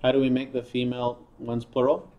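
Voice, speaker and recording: Patient male teacher, dark mellow voice. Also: medium pitch, monotone, fairly quick. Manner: patient, corrects and praises often. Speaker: Arabic teacher. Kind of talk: classroom drilling and explaining.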